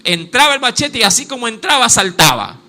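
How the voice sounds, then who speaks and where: Fairly quick and extremely high in pitch, this man is a pastor from coastal Ecuador whose accent is from Guayaquil. In his spirited sermon he calls listeners "mi amado" (my beloved), acts out his exclamations, and now and then stops to look up verses.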